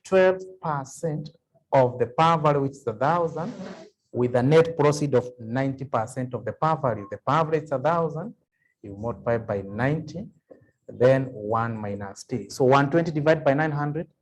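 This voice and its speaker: A man's voice: mid-range voice, moderate pace, slight background noise. A man giving an accounting revision lecture, working through sums aloud and putting questions to the class. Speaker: accounting tutor.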